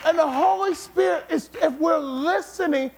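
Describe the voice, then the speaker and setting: A man preaching a sermon with emphatic repetition, at times rising to shouts. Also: very high-pitched, moderate pace, gravelly. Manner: emphatic, repeats words, rises to shouts.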